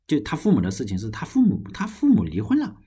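In a mid-range, mellow, husky voice with wildly swooping pitch, a young Chinese man speaks fast on his solo podcast. The casual monologue runs long, full of rambling, frequent restarts, and some swearing.

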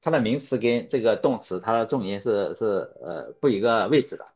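A man's voice: fairly low pitch, a little fast, darkish tone, husky. A man hosting a casual chat show, rambling through anecdotes and correcting himself as he goes. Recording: dull lo-fi sound with faint music.

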